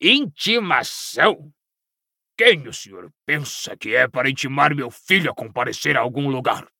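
A gravelly, tense old bully snarls and sneers through each slow, drawn-out line, as a male audiobook reader puts him on. His voice sounds sharp and strained, close and dry in a small booth. This is storybook villainy, spat out with contempt. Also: mid-range voice, expressive, no echo, heavily acted. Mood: contemptuous. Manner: snarling, mocking, slow and menacing. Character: coarse, hostile old pure-blood father.

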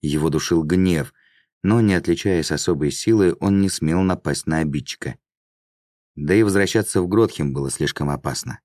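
A man reading a fantasy story aloud in steady, even narration. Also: sits low, normal speed, no room sound, clean studio sound. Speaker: audiobook narrator.

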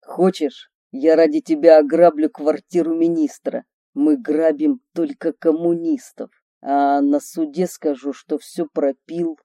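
A woman reading a boastful but tender male gang leader in slow, earnest, confiding tones. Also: low-pitched, steady tone, mellow, dry recording, studio quality, voice pushed down.

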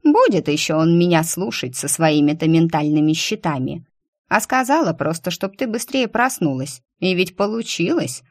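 A woman's voice: lowish voice, expressive, moderate pace, no echo, studio quality. A woman voicing a cheeky, theatrical female talking squirrel who bickers with melodramatic flair in an audiobook. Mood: sly, bickering. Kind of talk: audiobook character voice.

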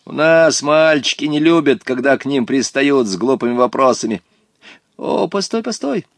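A stubborn street boy who fires off sharp, mocking challenges, as a man plays him. The voice jumps high and swings widely from word to word, recorded close and dry. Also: lively intonation, moderate pace, no room sound, lightly acted. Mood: angry.

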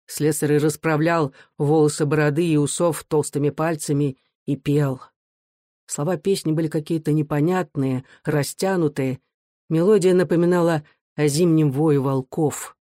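A narrator reading a classic novel in a steady, even storytelling manner. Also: medium pitch, moderate pace, no echo, studio quality. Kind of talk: audiobook narration.

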